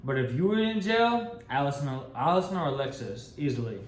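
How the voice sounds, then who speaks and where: A man's voice: on the high side, big pitch swings, brisk. An American man in his twenties chatting casually and informally as co-host of a couple's Q&A. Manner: informal, slangy. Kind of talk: casual chat. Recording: roomy echo, faint background noise.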